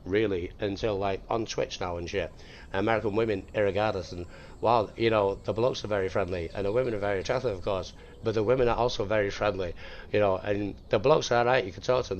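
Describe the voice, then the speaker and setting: A man rambling and swearing freely in casual gaming chatter, repeating himself as he talks. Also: on the low side. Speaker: gamer streamer. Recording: muffled lo-fi with loud vehicle noise.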